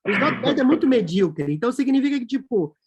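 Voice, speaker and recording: A Brazilian man who runs a company is a guest in a relaxed interview, speaking animatedly and imitating the voices of people he quotes. His voice is very high, quick, and a little breathy.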